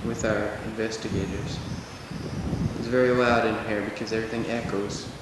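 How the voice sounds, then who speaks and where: A man's voice: lowish voice, level tone, moderate pace. Young man in a cave-like echo. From United States. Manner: plain explaining tone, points things out as he walks. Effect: cave-like echo in a bare room. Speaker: missionary giving a video tour. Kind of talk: casual narrated home video tour. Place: bare indoor church classroom that echoes. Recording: noisy home camcorder recording.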